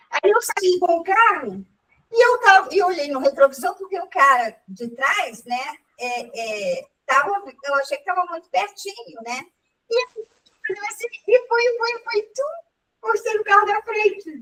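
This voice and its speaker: A woman, older, telling a lively personal story in casual chat, laughing often and acting out what people said. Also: very high voice. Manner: animated, laughing, acts out dialogue. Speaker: group member sharing a story. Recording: voice from far off the mic.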